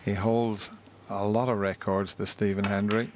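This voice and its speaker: A man's voice: fairly low pitch, little pitch movement, moderate pace, a little hiss or hum. A man giving live snooker commentary as a broadcast commentator. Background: snooker arena crowd.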